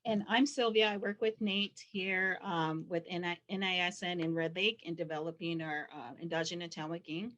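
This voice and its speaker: Soft-spoken lady speaking up at a conference, kinda muffled and far from the mic. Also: fairly low pitch, fairly even intonation, normal speed, few pauses. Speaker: school staff presenter. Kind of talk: conference presentation.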